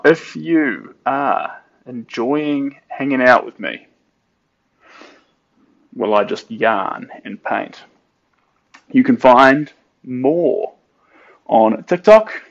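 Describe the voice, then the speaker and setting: Painting live for his viewers, this New Zealander in his late twenties talks in a relaxed, upbeat way and drifts into snatches of singing. His mid-range voice moves slowly, with long pauses, and the recording sounds muffled.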